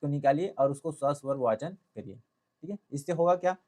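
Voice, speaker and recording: A man's voice: a little high, moderate pace, warm tone. A man teaching a Hindi spelling lesson, explaining step by step and checking in often with his students. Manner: explanatory, repeats "theek hai" often. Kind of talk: classroom-style lesson.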